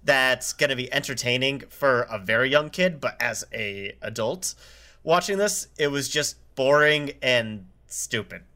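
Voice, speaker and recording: A man co-hosting a film podcast, critiquing a movie in a casual, halting way. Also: mid-range voice, animated, bright, forceful tone. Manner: halting, many fillers and restarts. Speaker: podcast co-host. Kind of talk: casual film review chat.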